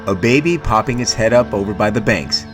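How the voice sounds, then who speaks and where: Male narrator, scripted nature-documentary travel voice-over over clear background music. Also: on the low side, lively intonation, a little fast.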